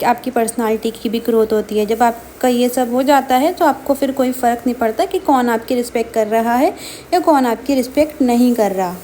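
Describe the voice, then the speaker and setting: A woman's voice: a little high, a little mellow. A woman gives earnest advice in a casual vlog, slipping English phrases into her talk. A faint background noise runs underneath. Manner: earnest, advising, mixes English phrases into Hindi. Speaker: vlogger giving marriage advice.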